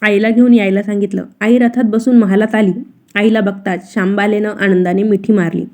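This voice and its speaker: A woman with a Marathi accent reading a devotional story in a steady, expressive way. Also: medium pitch, moderate pace.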